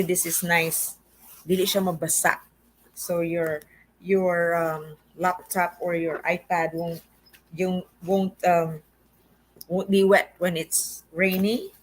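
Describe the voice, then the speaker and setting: Slow-talking Filipino woman host. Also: lowish voice, a little hiss or hum, low-quality recording. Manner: chatty, halting, many fillers and restarts. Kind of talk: casual show-and-tell vlog.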